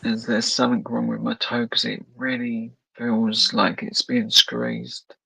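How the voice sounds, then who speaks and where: A man on a live-stream panel talking slowly and wearily about being in pain. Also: medium pitch, monotone, creaky, pushed and bright, a little hiss or hum, poor audio. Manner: slow, weary, hurting. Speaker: panel guest. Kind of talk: casual live-stream chat.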